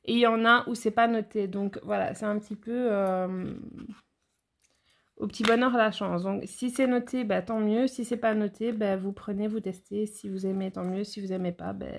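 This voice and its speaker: Woman with gravelly fry. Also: medium pitch, steady tone, moderate pace, a little hiss or hum. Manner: chatty, addresses viewers directly, frequent hesitations. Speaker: nail educator. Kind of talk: casual product haul vlog.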